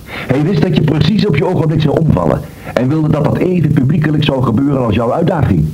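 A man playing a mellow, earnest friend. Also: fairly high pitch, big pitch swings, fast, muffled recording. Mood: reasoning. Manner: earnest, reasoning, pleading. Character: earnest man warning his doubting friend. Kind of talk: radio drama acting.

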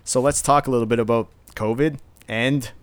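A man's voice: mid-range voice, steady tone, normal speed, clean tone, dry recording. A man from Canada co-hosting a casual podcast, talking from a basement. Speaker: podcast co-host. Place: indoors in a basement, not a studio.

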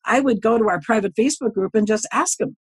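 A woman's voice: fairly high pitch, fast talker, slightly rough, no echo. A woman in her seventies, a podcast guest, telling stories in a rambling, folksy way with many asides. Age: 70s. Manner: rambling, folksy, often circles back with asides. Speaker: podcast guest, social media consultant. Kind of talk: casual storytelling interview.

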